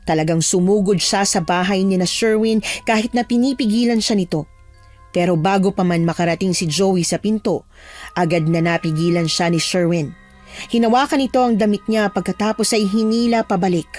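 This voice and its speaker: A woman's voice: mid-range voice, moderate pace, a little mellow, faint music behind. A woman narrating a scripted first-person horror story in a dramatic, suspenseful way.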